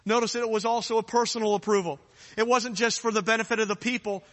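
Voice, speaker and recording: A man's voice: high voice, fairly even intonation, fast, a bit bright. A man preaching a sermon, urgent and rising to fervent challenges at times. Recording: long hall reverb.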